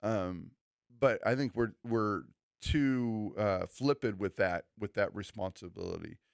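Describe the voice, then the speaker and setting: A pastor with a fairly low, clean-toned voice and measured pace co-hosts a church podcast. His earnest, preachy style is conversational, full of restarts and acted-out quoted asides, captured in studio quality with no room sound.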